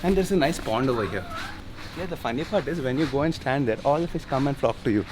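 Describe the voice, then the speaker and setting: A man's voice: mid-range voice, animated, fast. A man with an Indian accent chatting casually to camera as a vlog host, playful and joking, mixing some Hindi into his English. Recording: noisy handheld vlog recording.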